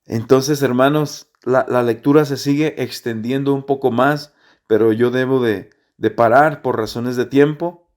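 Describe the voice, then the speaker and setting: A man's voice: medium pitch, steady tone, a little slow, a little mellow. A man giving an earnest, repetitive gospel reflection to listeners as a preacher.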